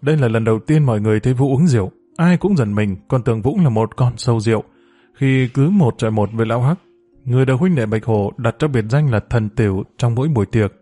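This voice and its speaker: A man narrates a serialized story in a measured, steady way. His voice is mellow and dark, and soft music plays faintly underneath. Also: medium pitch. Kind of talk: audiobook narration.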